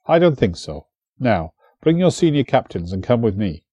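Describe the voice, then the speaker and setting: A man's voice: mid-range voice, sing-song, normal speed, warm tone, breathy edge, dry recording. A man voicing a stern Welsh captain with a Welsh accent who barks commands. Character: harsh Welsh captain barking orders.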